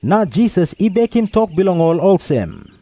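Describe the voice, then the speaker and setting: High, animated Papua New Guinean male narrator. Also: normal speed, dry recording. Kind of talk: scripted scripture narration, storytelling.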